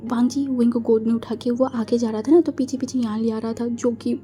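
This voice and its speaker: A woman's voice: fairly high pitch, steady tone, brisk, mellow, faint music behind. A woman narrating a fan fiction story in a chatty way, mixing in English words and many fillers.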